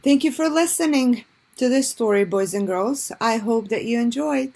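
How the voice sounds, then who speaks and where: A woman whose voice is a little high and creaky reads a children's storybook aloud, taking a deliberate, expressive approach, like a teacher addressing young listeners.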